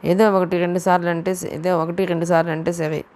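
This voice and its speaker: A woman voicing a stern, quick-tempered young man in an audiobook novel, speaking harshly and scolding. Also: on the low side, level tone, darkish tone, a little hiss or hum, lightly acted.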